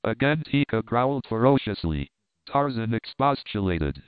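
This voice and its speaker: Smooth-voiced man narrating an adventure story. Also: on the low side, dry recording. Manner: steady, measured storytelling. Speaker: audiobook narrator. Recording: narrow phone-like sound.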